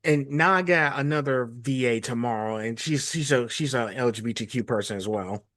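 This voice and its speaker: A man's voice: mid-range voice, moderate pace, a crowd in the background. A man hosting a casual interview, informal and emphatic, often repeating his phrases for emphasis. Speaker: interview host.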